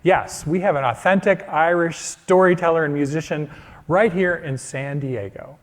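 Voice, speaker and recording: A man's voice: fairly high pitch, moderate pace. A man hosting a church event and introducing a guest to an audience. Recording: long hall reverb.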